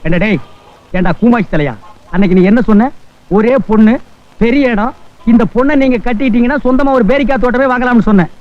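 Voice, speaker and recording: Bitter lottery hawker, very high voice, sharp-tongued, scolding, muffled film audio. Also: male voice, fast talker. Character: broke, bitter man hawking lottery tickets. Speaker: lottery ticket seller. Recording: dull lo-fi film soundtrack.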